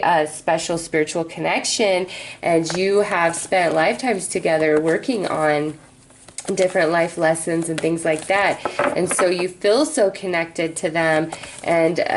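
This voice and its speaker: A woman's voice: lowish voice, slight background noise, poor audio. Woman giving a chatty mystical horoscope reading. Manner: chatty, reassuring, addresses listener directly. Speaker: astrology tarot reader, host.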